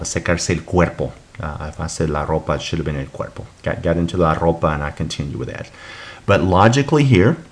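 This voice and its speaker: A man with a low-sitting voice teaches a recorded Spanish lesson. He explains things patiently, repeating examples before translating them.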